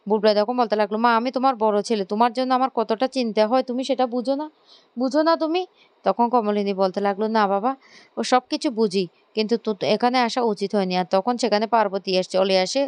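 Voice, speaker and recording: A woman retelling a TV serial episode, narrating and acting out the dialogue with quick restarts and fillers. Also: mid-range voice, darkish tone, clear, resonant tone, no echo. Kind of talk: spoken plot recap with acted dialogue.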